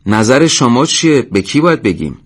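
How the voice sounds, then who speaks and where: A man voicing a calm, caring older male community elder who asks concerned questions. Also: mid-range voice, voice pushed up.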